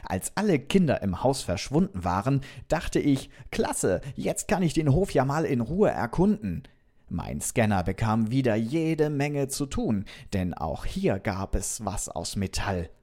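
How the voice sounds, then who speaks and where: A man's voice: medium pitch, measured pace. A man voicing a friendly, curious robot from another planet, telling a children's story and asking the kids questions. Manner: lively, talks directly to the kids with questions.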